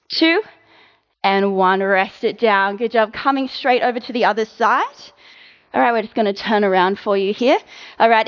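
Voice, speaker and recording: Upbeat woman workout coach, higher voice, dull lo-fi recording, counts down reps. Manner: encouraging, brisk coaching with countdowns. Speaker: fitness instructor. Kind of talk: live workout cueing.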